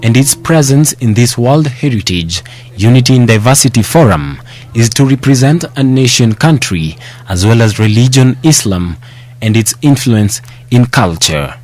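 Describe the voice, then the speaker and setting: A man's voice: mid-range voice, expressive, darkish tone, faint music behind. Man narrating a formal voice-over. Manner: formal, measured.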